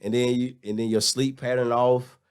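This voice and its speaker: A man in his thirties chatting casually as a guest, telling animated stories full of restarts and filler words. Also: medium pitch, normal speed, clear, resonant tone. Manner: animated storytelling, lots of "like" and restarts. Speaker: guest, former teacher abroad. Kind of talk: casual chat.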